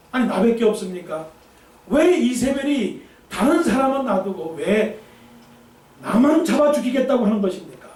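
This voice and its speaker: A man's voice: very high-pitched, darkish tone, voice pushed up, full character voice. A man voicing a despairing prophet pleading with God. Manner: pleading, self-pitying outcry. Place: church sanctuary. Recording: echoey church from a distance.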